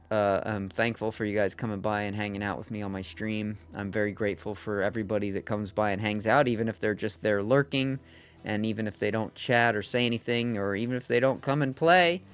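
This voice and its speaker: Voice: medium pitch, normal speed, clear, resonant tone. A streamer chatting casually on a livestream, rambling and laughing often with the viewers.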